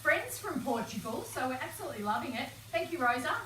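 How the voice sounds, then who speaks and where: A bubbly woman talks through a recipe in a casual live-stream style, her voice sitting a little high. She is recorded at a distance in an echoey home kitchen, with clear background noise behind her. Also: very animated, fast, a bit bright. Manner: chatty, bubbly, laughs often. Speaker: cooking show co-host.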